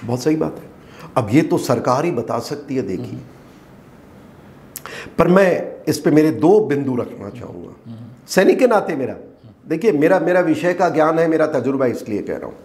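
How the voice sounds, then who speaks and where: A man's voice: a little high, animated, moderate pace, long pauses, a little mellow, slight background noise. Emphatic middle-aged man, a colonel as guest. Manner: emphatic, rhetorical questions, gets heated. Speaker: retired army colonel, guest. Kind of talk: interview, explaining.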